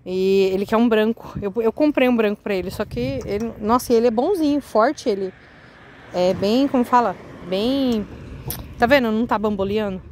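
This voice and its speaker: A woman's voice: fairly high pitch, moderate pace, a little mellow, rough recording. Woman vlogger, chatty and eager, handheld phone outside, faint street noise. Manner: chatty, eagerly addresses viewers. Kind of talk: casual vlog walkthrough. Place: outdoors on a residential street.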